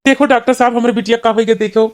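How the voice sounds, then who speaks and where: A woman's voice: a little high, steady tone, very fast, darkish tone, natural voice. Caring young brother voiced by a woman, earnest. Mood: urgent. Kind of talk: cartoon voice acting.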